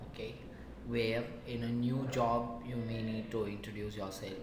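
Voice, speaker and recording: Man, teacher, slow deliberate explaining, reverberant room, noticeable background hiss. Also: medium pitch, level tone. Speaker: English teacher. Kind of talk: spoken English lesson. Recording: echoey room with background noise.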